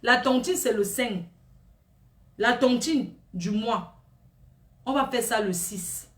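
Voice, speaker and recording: Woman, comic monologue, gossipy, higher voice, roomy echo, a bit far from the mic. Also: slow. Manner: animated, gossipy, exclaiming.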